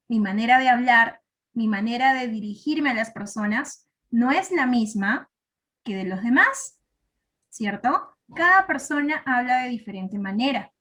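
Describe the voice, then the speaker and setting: A woman's voice: on the high side, a bit bright. A woman teacher giving a patient classroom explanation, often stopping to check that her students follow. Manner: patient, checks understanding with frequent tag questions.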